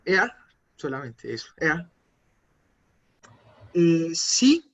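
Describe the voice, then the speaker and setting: A man teaching an online language class, patiently repeating words slowly for his students. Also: high-pitched, slightly rough. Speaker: German teacher.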